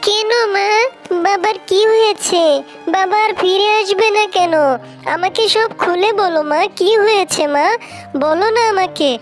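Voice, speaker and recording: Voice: extremely high pitch, steady tone, measured pace, faint music behind, pitched above the performer's own voice. A woman voicing a young female fox daughter in a cartoon, pleading and sobbing. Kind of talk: cartoon voice acting.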